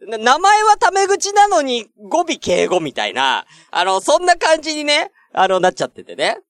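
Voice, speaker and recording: A man's voice: extremely high pitch, wildly swooping pitch, normal speed, fairly bright tone, dry recording. A man hosting a podcast, telling a story in casual chat with lots of fillers and acted-out quotes. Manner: chatty storytelling, many fillers, acts out quoted exchanges. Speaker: podcast host.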